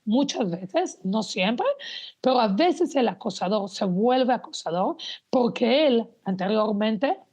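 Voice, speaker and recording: A woman's voice: on the high side, expressive, slow, a little mellow. Earnest woman giving a talk. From Mexico. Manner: earnest, explanatory, addresses the audience directly. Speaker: educator giving a talk to teachers and parents. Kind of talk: spoken presentation about images on slides.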